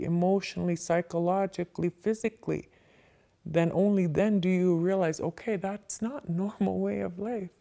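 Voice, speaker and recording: An older woman giving slow, reflective personal testimony as an interviewee, her voice disguised by pitching it down so it sounds like a man. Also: vocal fry, dark tone.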